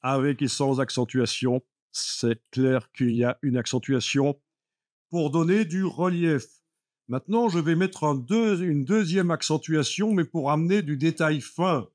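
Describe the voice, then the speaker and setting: A man's voice: a little high, measured pace, darkish tone, no room sound, studio quality. A man teaching a live Photoshop class, explaining steps patiently with many fillers like "euh" and "voilà". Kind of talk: live classroom software lesson.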